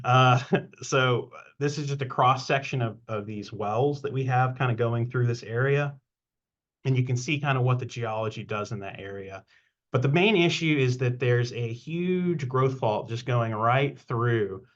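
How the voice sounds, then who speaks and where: A man giving a casual technical presentation on a webinar, relaxed and hesitant, with many ums and uhs. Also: mid-range voice, lo-fi sound.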